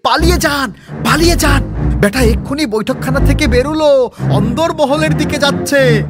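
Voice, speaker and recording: A man shouting as frantic panicked servants. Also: very high-pitched, normal speed, over loud music, pitched above the performer's own voice.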